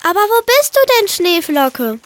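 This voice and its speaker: Brief: man doing a sweet little girl in a storybook, very high and singsong, slow and bright. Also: sing-song, heavily acted. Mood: tender. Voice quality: high, soft childlike voice. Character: gentle little girl, caring.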